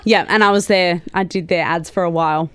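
A woman chatting on a podcast, an animated storyteller. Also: lowish voice, a little fast, smooth, dry recording, clean studio sound. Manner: animated storyteller, sings jingles. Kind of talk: casual chat.

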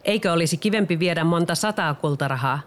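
A man's voice: on the high side, lightly acted. A man voicing a sly, limping dog that coaxes with sweet talk. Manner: sly, coaxing.

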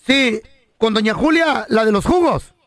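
A man's voice: very high voice, animated, unhurried, a bit bright, no echo. A man, co-hosting a radio show, telling jokes and playing pranks playfully. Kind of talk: joke-telling banter.

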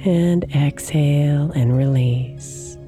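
A woman leading a guided meditation in a soft, soothing, gently drawn-out manner, as its host. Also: deep voice. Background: new-age music with singing bowls.

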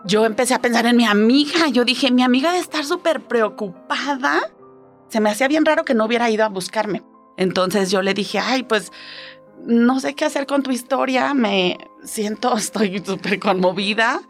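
A woman from Guadalajara with a Mexican accent, telling a personal story in an expressive, conversational way and often tagging her sentences with little questions. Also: a little high, normal speed, faint music behind. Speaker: storyteller guest.

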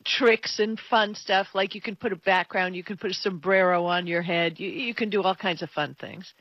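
A woman's voice: mid-range voice, steady tone, moderate pace, no room sound. Woman talk host, dry, dull-sounding recording. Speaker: tech radio co-host. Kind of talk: casual opinionated tech talk.

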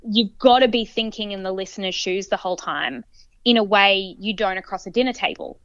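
A woman's voice: mid-range voice, a little fast, fairly bright tone, smooth, no echo, muffled recording. A woman co-hosting a podcast in casual chat, telling stories earnestly and with energy. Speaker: podcast co-host.

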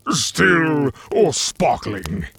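A man's voice: fairly high pitch, sing-song, very slow, vocal fry, fairly bright tone, slight background noise, exaggerated voice. A man playing a chatty, theatrical Satan who hosts hell with gleeful mock courtesy in a comedic audio drama. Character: campy, chatty Satan as bureaucratic host of hell.

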